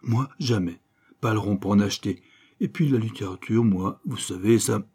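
A man's voice: fairly low pitch, normal speed, mellow, husky. A man voicing a naive, proud reformed brigand in an audiobook, speaking in slangy, folksy working-class talk.

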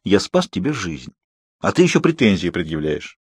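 A man reading an audiobook, voicing a cold, irritated teenage boy with curt, sneering, hushed lines. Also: deep voice, very animated, moderate pace, breathy edge, dry recording, clean studio sound, pitched below the performer's own voice, full character voice.

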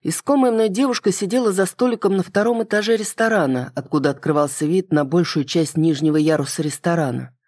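An audiobook reader giving calm first-person fantasy narration. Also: medium pitch, a little fast, few pauses, dry recording, studio quality.

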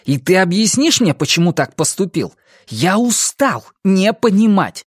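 A man's voice: sits high, lively intonation, a little slow, husky, pitched above the performer's own voice, full character voice. A young, proud count, raised a little above an ordinary male voice, who either snaps with fury or speaks with icy menace, as an audiobook narrator plays him. His voice rises and falls sharply, and the dry, close sound has no room echo. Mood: angry. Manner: angry, defiant, threatening.

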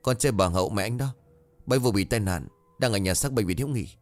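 A shaken motorbike-taxi driver speaking in an urgent rush, as a male storyteller reads him. The voice stays low but quick, with faint music underneath. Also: dry recording, close to an everyday voice. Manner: urgent, trembling.

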